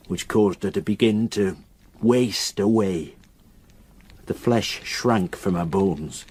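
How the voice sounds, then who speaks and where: An actor in a radio drama voices a reluctant, serious local from the countryside, telling a grim story in a solemn, faltering manner. His voice is mid-range with a breathy edge.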